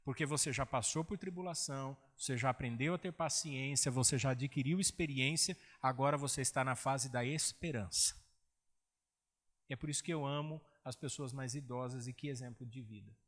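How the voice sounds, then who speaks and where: A man's voice: medium pitch, normal speed, fairly bright tone. A man, a pastor, preaching an expository sermon in a conversational way, often quoting imagined churchgoers.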